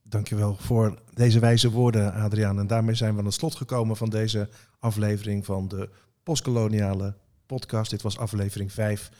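A man, a podcast host, closing the episode with a formal, even announcement. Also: fairly low pitch, normal speed. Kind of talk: scripted episode sign-off.

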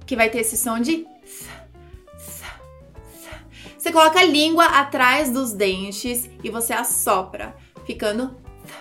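A woman English teacher in a video lesson, lively and demonstrative, sounding out each word for her students. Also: on the high side.

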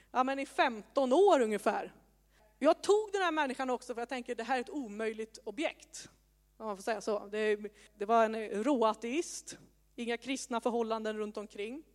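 Woman preaching in a reverberant hall. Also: fairly high pitch. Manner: conversational, self-mocking asides. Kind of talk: sermon with personal testimony. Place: church hall with congregation.

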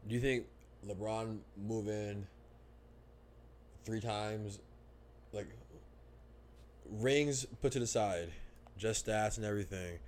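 Young man, casual sports chat, low voice, relaxed halting delivery, faint hiss behind. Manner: laid-back, hesitant, repeats words, gives shout-outs. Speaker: podcast co-host.

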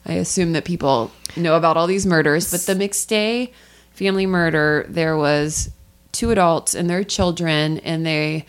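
A woman co-hosting a podcast in casual chat, blunt and quick to swear. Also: low-pitched, clean tone. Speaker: podcast co-host.

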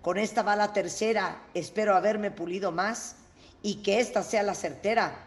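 A woman hosting a radio show, reading humorous verse and bantering briskly with her co-host. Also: mid-range voice. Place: radio studio.

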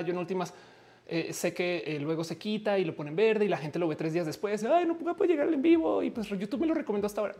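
Una mujer con acento mexicano que conduce un directo en línea, charlando de forma informal y bromista, con muchas muletillas y frases que arranca de nuevo. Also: female voice, fairly low pitch, darkish tone. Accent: Mexican Spanish. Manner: chatty, joking, many fillers and restarts. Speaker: livestream host. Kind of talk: casual live-stream chat.

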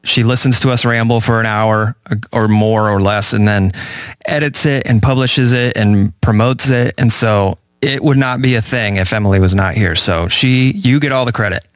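A man's voice: fairly low pitch, moderate pace, clean tone, no echo. Playful man hosting a church podcast. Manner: playful, jokey intros. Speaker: podcast host. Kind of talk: casual church podcast chat.

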